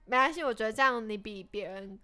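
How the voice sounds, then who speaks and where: A young woman with a Taiwanese Mandarin accent, co-hosting a casual podcast chat, reacting to her friend's story with teasing questions and quick laughs. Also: on the high side, sharp tone. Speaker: podcast co-host.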